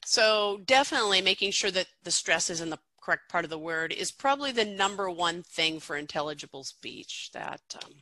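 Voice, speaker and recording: Bright, dry-voiced middle-aged woman teacher. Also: on the low side, expressive, brisk, few pauses, no echo, poor audio. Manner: chatty, lots of fillers and restarts. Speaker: pronunciation teacher, guest. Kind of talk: explaining in an interview.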